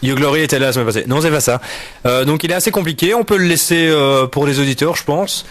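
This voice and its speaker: A man's voice: on the high side, quick pace, a bit bright, no room sound. A man hosting a casual radio show. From Belgium. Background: music.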